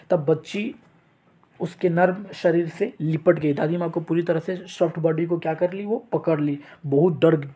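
A male teacher from India, explaining a chapter and reading its text, slow and halting, with restarts. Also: fairly high pitch, mellow. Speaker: English teacher. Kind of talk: chapter explanation mixing Hindi and English.

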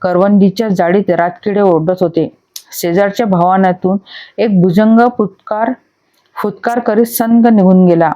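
A woman narrating a storybook audiobook in a steady, measured way, on a dull lo-fi recording. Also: mid-range voice. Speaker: audiobook reader.

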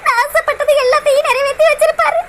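A woman doing a squeaky tearful cartoon girl. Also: fairly even intonation, quick pace, noisy background. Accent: southern Tamil Nadu. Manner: sobbing, plaintive. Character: lovesick young woman, tearful and pining. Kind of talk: cartoon voice acting.

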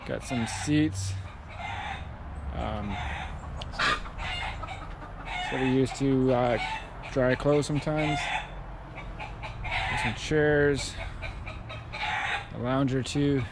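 Thirties male vlogger, laid-back and unhurried, outdoor camera audio with crowing roosters. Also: mid-range voice. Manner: relaxed and rambling, with many fillers. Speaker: vlogger, hotel worker. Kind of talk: casual vlog chat. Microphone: camera at arm's length. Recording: outdoor recording with loud rooster noise.

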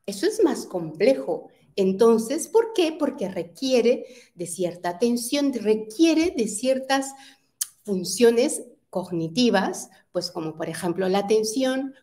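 A woman's voice: mid-range voice, a little mellow. A woman presenting an educational webinar on early literacy, explaining step by step and asking rhetorical questions.

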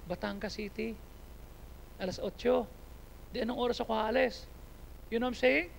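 A man with a Filipino accent preaching a sermon as pastor, switching between English and Tagalog, dropping to quiet asides and rising to loud, pleading exhortation. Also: very high voice, fairly even intonation, moderate pace, vocal fry, slight background noise, rough recording.

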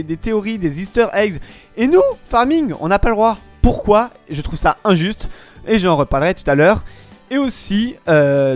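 Young man, radio-style web show host, high voice, rambling, lots of hesitations, faint music behind. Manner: rambling, keeps promising to come back to topics; many hesitations and restarts. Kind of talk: casual solo radio-style chat.

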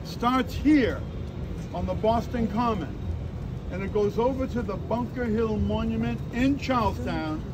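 A man in his sixties projecting like a town crier as a theatrical historical tour guide, in short emphatic phrases with dramatic pauses. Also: high voice. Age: 60s. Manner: declamatory town crier delivery, projecting to a group. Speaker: costumed Freedom Trail tour guide. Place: outdoors in parks and streets among a tour group. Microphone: handheld phone a few steps away. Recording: phone recording with outdoor city noise.

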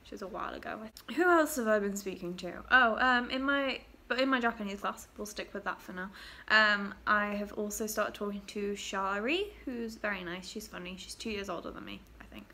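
A young Englishwoman chats casually to her laptop webcam at a desk in a small bedroom, vlogging to camera. Her voice is medium-pitched, bright and forceful, moving at normal speed with hardly any pauses. She giggles and trails off into fillers.

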